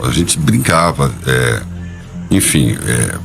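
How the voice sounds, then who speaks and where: A man's voice: extremely low pitch, very animated, takes it slowly, vocal fry, loud music behind the voice. A man answering interview questions defensively, hesitant and stumbling as he repeats words.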